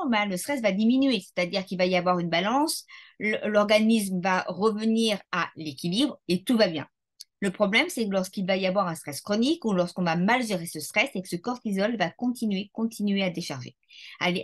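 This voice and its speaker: A woman neuroscientist, a guest on a podcast, lays out how the brain works in a methodical, teacherly way. She often pauses to hesitate as she talks. Her pitch sits at an ordinary middle level for a woman. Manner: didactic, methodical, with frequent hesitations. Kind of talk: explanatory interview talk.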